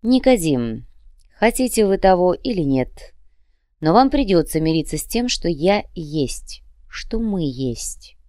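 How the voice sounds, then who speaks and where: A woman's voice: fairly low pitch, big pitch swings, a little slow, mellow, dry recording, studio quality. A woman voicing a polite but menacing male demon commissar who threatens in a cold, courteous way. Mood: cold menace. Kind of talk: audiobook character reading.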